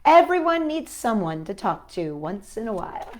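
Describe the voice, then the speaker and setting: Reading a picture book to young viewers, a storytime host asks them questions and talks gently with them. Her voice is a little high with big pitch swings, at normal speed.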